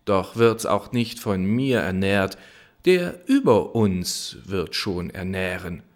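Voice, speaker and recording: Guy doing a sly young farmhand, low and lazy, kinda smug. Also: expressive, slow pace. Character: sly young peasant lover, smug and offhand.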